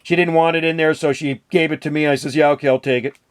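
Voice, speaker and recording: This radio hobbyist and channel host, a man aged sixty or more, speaks quickly in a steady, higher-leaning voice over a very noisy signal. His CB banter is laid-back, homespun, and thick with on-air lingo.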